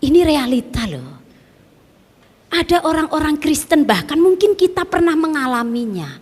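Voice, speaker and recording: Woman preacher, thirties, high and expressive, storytelling sermon, reverberant hall. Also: normal speed. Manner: animated storytelling, acting out her child and customers.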